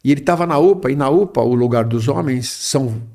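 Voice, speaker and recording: Mellow and a little fast, this middle-aged man's mid-range voice carries a rambling, casual personal story. He often ends sentences with a questioning "né?" ("right?").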